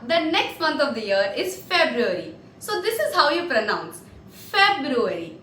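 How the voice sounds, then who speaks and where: A woman gives a spoken lesson, and her high voice moves up and down a lot. She pronounces words carefully and repeats each one for her learners. The room she is in is echoey. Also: sing-song, pushed and bright, slight background noise. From India. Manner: repeats each word slowly and clearly for learners. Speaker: English teacher.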